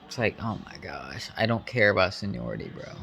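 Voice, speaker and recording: A man giving casual, opinionated live reactions to a sports game, slangy and informal, swinging between excitement and grumbling. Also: low voice, fairly quick, gravelly.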